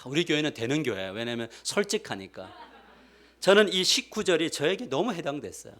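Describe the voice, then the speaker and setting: A man's voice: a little high, a little fast. A male pastor giving a sermon, asking his congregation questions as he goes. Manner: animated preaching, asks the congregation questions. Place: church sanctuary.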